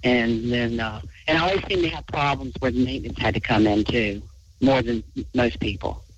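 A man's voice: mid-range voice, normal speed, noisy background. A man hosting a late-night call-in chat, talking in a rambling way with many restarts. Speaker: host. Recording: dull lo-fi audio.

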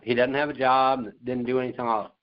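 A man's voice: medium pitch, level tone, brisk. Easygoing middle-aged man on a muffled call. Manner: easygoing, laughs along. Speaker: guest author. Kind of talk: casual call-in chat. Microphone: call audio.

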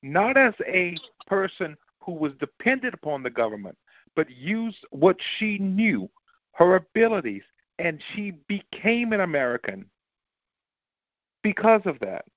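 A man's voice: sits high, big pitch swings, measured pace, no echo. A man on a political talk panel who argues emphatically and often restarts his sentences. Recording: dull lo-fi dry recording.

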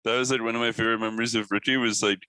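A man guests on a casual podcast, his voice bright and sharp-edged. He rambles through anecdotes, filling gaps with ums and laughing along the way. The recording is close and dry. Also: mid-range voice, level tone, rapid-fire, clean tone, no room sound, rough recording. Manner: laughing, rambling storyteller with many fillers. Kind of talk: casual chat.

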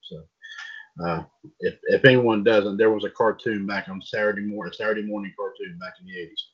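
A man's voice: lowish voice, fairly even intonation, a little fast, slightly rough. Man reading pop culture headlines. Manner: reads headlines aloud, stumbling over names. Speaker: podcast host. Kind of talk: casual pop culture news chat. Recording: dull lo-fi sound.

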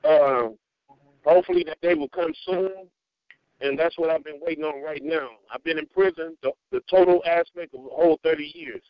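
A middle-aged man calls in to a radio show from prison with the phone held away from his mouth. The line is muffled and very dry, and his voice sits fairly high. He speaks earnestly and restarts his sentences. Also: steady tone, moderate pace, no room sound. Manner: earnest, repeats words as he restarts. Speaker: incarcerated caller on a radio show. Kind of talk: phone call-in.

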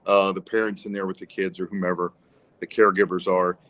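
A man with a fairly low voice, guesting on a talk show as a singer. He tells long stories in an easy, chatty way, dropping in light jokes. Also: little pitch movement, quick pace, a bit bright, rough recording. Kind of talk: casual interview.

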